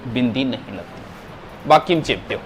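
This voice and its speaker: A man's voice: medium pitch, expressive, a little slow, slight background noise. A male teacher, giving a grammar lesson to a class, asking questions and stressing words.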